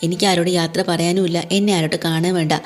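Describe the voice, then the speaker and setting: A woman's voice: on the low side, level tone, fast, close to an everyday voice. A woman voicing a proud young woman who answers her sister curtly and hides her grief in a retold TV serial story. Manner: curt, dismissive.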